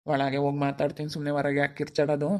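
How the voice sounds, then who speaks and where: Man, acting as a furious protective father, high-pitched, very fast threatening scolding. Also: completely flat delivery, darkish tone, lightly acted. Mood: grumbling. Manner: scolding, threatening, rapid outbursts. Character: angry middle-aged village father, protective. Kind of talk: amateur village family skit.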